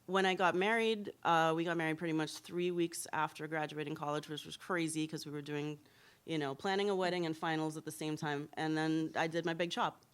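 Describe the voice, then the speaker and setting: A woman's voice: low voice, fairly even intonation, brisk, smooth. A woman in her thirties from Trinidad and Tobago, a hair blogger answering interview questions in a candid storytelling way at a symposium.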